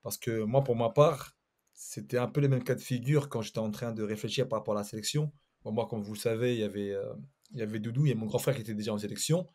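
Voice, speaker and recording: A man's voice: lowish voice, steady tone, fast, a little mellow. A man from Paris, a former footballer, telling a long story in a casual chat with some hesitation. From Paris, France. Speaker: former footballer, panel guest.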